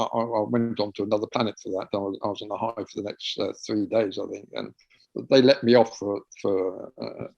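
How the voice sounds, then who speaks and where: Gravelly man telling a story. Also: fairly low pitch, no echo. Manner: animated, laughing, repeats words while telling. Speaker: guest. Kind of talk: anecdotal storytelling. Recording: slightly dull lo-fi recording.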